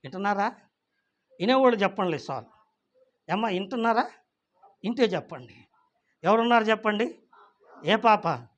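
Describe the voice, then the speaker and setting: A man's voice: sits high, expressive. A male pastor preaching an emphatic storytelling sermon, often questioning his listeners. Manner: chants lines of a hymn slowly. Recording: dull lo-fi sermon recording.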